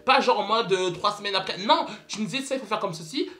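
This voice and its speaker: A man's voice: high-pitched, fast, bright, forceful tone. A young man telling a story to camera in a casual vlog, dramatic and exclamatory, repeating words for emphasis. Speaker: vlogger.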